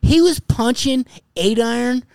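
A man casually telling a profane golf story on a podcast, animated and acting out the people he quotes. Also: very high-pitched, measured pace, creaky, clean tone, dry recording, studio quality.

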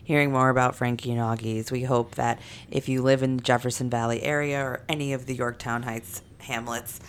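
A woman's voice: rumbling low, level tone, brisk, slight background noise. A woman co-hosting a podcast in casual chat, reacting with enthusiasm. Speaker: podcast co-host.

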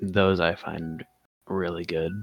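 A young man with a low voice chats loosely on a homemade podcast. He jokes, laughs and rambles. The sound is dry and close. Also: little pitch movement, takes it slowly, creaky, dry recording. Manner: joking, laughs often, rambling. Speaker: podcast co-host. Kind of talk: casual podcast chat.

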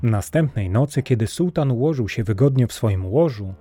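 A man narrating a fairy tale for a podcast in a calm, measured storytelling manner. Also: mid-range voice. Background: soft music.

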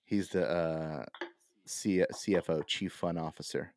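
A man co-hosting a casual podcast, rambling and swearing with lots of fillers, excitable. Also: deep voice, measured pace, no room sound. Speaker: podcast co-host.

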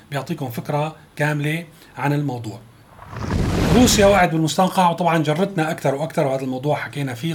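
A man with a Syrian accent delivers a rapid news commentary, racing through his points. His voice sits a little high for a man, and he slips sarcastic, chatty asides into the rundown. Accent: Syrian Arabic. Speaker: political commentator.

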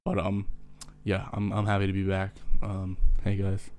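A man's voice: low-pitched, completely flat delivery, normal speed, darkish tone, a little hiss or hum. A man in his late teens with a lisp, hosting a casual podcast chat, rambling and swearing freely with plenty of ums. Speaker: podcast host.

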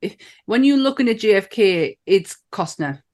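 Animated and darkish in tone, her mid-range voice moves at a moderate pace. The northern English woman co-hosts a podcast with keen, easygoing chat, laughing often and swearing freely.

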